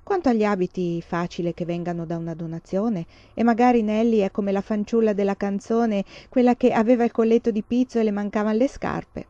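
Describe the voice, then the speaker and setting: A woman voicing a gentle, patient mother who speaks softly, almost in a whisper. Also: mid-range voice, fairly even intonation, fairly quick, few pauses, no echo, lightly acted. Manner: soft, gentle, near whisper. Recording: slightly dull, dry recording.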